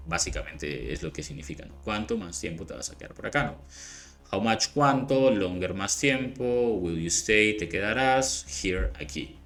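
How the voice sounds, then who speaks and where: Low-voiced man teaching, chatty checks. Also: fairly bright tone. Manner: conversational, frequent rhetorical "¿no?" and "¿vale?" checks; slowed careful demonstrations of phrases. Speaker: English teacher. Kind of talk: explanatory lesson. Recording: faint background music.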